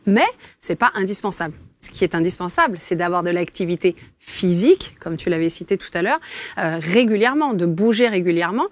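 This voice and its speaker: A woman's voice: lowish voice, a little fast, dry recording. Chatty dietitian woman, dry sound. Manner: lively explaining, frequent hesitations and fillers. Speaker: dietitian guest. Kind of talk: casual interview chat.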